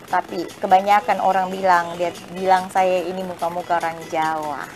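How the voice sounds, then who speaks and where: A woman's voice: on the low side, little pitch movement, moderate pace, faint music behind. A woman hosting a casual live-stream chat, greeting viewers by name between frequent hesitant fillers. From Bajau community of Indonesia.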